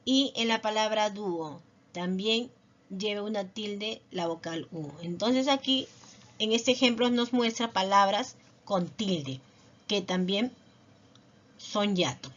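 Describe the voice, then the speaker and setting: A woman teacher giving a recorded lesson, explaining slowly and patiently and checking in with little tag questions. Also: medium pitch, a bit bright. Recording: dull lo-fi voice recording.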